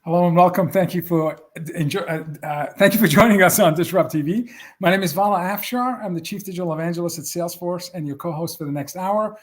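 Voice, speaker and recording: A man's voice: sits high, fast. A man co-hosting a talk show over a video call, formally reading prepared introductions. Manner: formal, reads prepared praise. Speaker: co-host.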